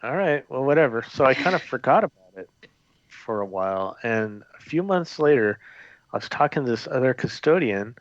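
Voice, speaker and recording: A man of middle pitch tells a story in an easy, rambling way, full of fillers and restarts. The audio is dull and lo-fi, with a dry, close sound and no room around it. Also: animated, normal speed, dry recording. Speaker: guest, former theme park custodian. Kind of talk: conversational storytelling.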